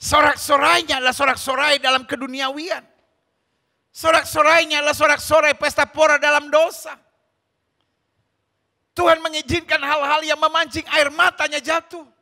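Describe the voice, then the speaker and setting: Man, middle-aged pastor, sermon, fervent, very high voice, hushed to emphatic. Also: gravelly. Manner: fervent preaching, swinging between hushed and emphatic.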